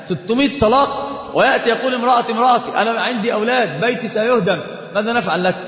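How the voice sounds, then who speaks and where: A man teaching a religious lesson on jurisprudence, lively, quizzing his students. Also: high voice. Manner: lively, quick, asks students questions; mixes Egyptian colloquial Arabic into classical. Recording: echoey hall, dull lo-fi sound.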